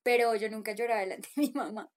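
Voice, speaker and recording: A woman in her thirties with a Colombian accent, casually telling childhood stories with an animated manner. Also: on the high side, fast. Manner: animated, acts out voices in quotes, laughs often. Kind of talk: casual storytelling chat.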